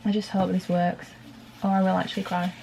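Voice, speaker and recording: A woman's voice: lowish voice, little pitch movement, brisk, vocal fry, mellow, slight background noise. A young woman vlogging casually at home about dyeing her own hair, rambling with lots of fillers and talking to herself. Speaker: beauty vlogger. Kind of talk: casual chatty vlog.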